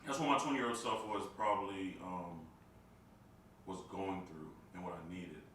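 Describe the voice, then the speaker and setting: A man with a very deep voice talks on a casual podcast, searching for his words with frequent fillers. He sits far from the mic in a very echoey room, with a faint hiss behind him. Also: steady tone, a bit bright. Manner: halting, thinks aloud with fillers.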